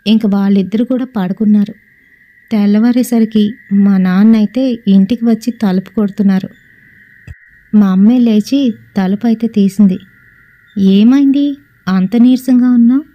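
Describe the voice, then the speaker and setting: A woman's voice: medium pitch, steady tone, normal speed, long pauses, dull audio. A woman narrating a first-person ghost story and acting out family members' lines.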